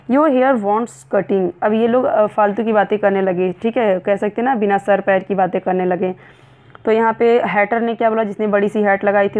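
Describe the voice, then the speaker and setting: A woman teacher, reading English lines slowly and then explaining them in Hindi. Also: medium pitch, darkish tone, poor audio.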